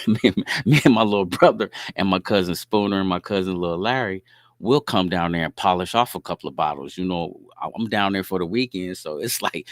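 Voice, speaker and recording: A very deep-voiced middle-aged man from Indianapolis hosts his podcast and tells stories in a relaxed, streetwise way. He keeps checking in with his listeners, and his voice is recorded close and dry with no room sound. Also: dry recording. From Indianapolis, USA. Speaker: podcast host. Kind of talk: casual storytelling talk.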